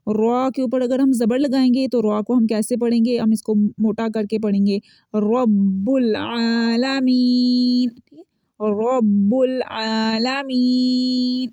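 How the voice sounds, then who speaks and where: A woman teaching Quran recitation online, explaining sounds and slowly repeating example words for her students. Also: a little high, warm tone, dry recording. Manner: patient, repeats words slowly and drills them. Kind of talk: online lesson, explaining and modeling pronunciation.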